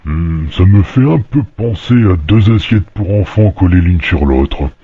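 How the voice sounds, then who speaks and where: A man playing a gruff, irritable special agent in a parody animated short, on a noisy amateur recording. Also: low voice, a little slow, no room sound, lo-fi sound, exaggerated voice. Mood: grumpy. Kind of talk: parody cartoon acting.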